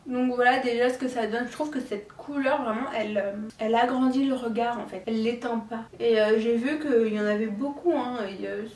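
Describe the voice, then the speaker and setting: A young woman talks through her makeup routine in a loose, chatty way, full of little fillers and self-deprecating asides. Her voice sits a bit high and reaches the mic from a short distance, in a room with a noticeable echo. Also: fairly quick, few pauses, darkish tone. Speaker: beauty vlogger. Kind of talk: makeup tutorial chat.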